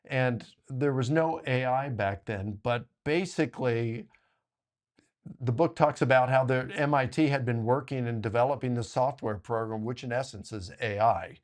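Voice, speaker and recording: A man talking as a guest author in a casual discussion, telling stories in an animated way with quick asides. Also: mid-range voice.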